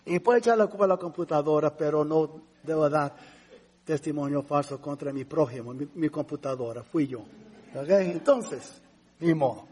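A man preaching a sermon in a fairly high, husky voice. He talks to his congregation like family, calling them brothers, and keeps asking rhetorical questions. His delivery swings with emotion. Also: normal speed, darkish tone. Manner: conversational preaching, addresses listeners as brothers. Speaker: pastor.

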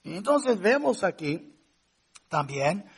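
A man's voice: sits high, big pitch swings, slow pace, breathy edge. A man preaching a conversational sermon as pastor, rising to emphatic points now and then.

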